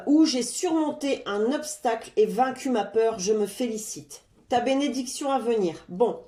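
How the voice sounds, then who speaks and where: A woman talks slowly through a tarot card reading, her chatty tone broken by frequent "euh" fillers. Her voice sits a little high. The room around her is echoey. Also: dark tone. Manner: stops to talk to her cat. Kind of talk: casual card-reading guidance.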